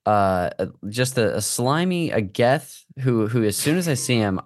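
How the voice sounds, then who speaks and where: A man with a slightly low voice hosts a casual podcast. He rambles playfully and builds things up with comic exaggeration. The recording is dry and close. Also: dry recording. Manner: rambling, playfully hyperbolic introductions. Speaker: podcast host. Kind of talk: casual hosting banter.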